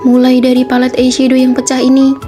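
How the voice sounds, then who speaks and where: A woman's voice: high voice, monotone, quick pace, dark tone, faint music behind, lightly acted. A woman voicing a strict, emotionless female training robot in a dubbed drama, with formal, clipped delivery. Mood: cold, commanding.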